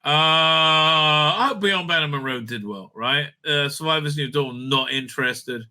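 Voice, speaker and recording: Somewhat slow and sharp-toned, with a voice on the high side, a man hosts a casual review of audio drama releases. His commentary is unplanned, blunt, opinionated and full of swearing, rambling and repeated words.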